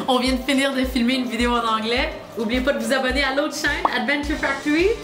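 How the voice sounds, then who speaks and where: A young woman with a Québécois accent talks to camera in a relaxed, chatty way. Her voice sits fairly high. The room echoes, and music plays clearly behind her. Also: a little fast. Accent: Québécois French. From Quebec, Canada. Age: 20s. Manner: chatty and relaxed, loose colloquial speech. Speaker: travel vlogger. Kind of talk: casual talk to camera.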